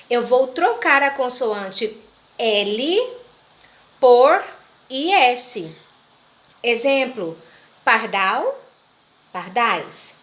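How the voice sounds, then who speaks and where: A woman's voice: a little high, fairly bright tone. A woman teacher, giving a grammar lesson to children, patiently repeating examples and checking in often.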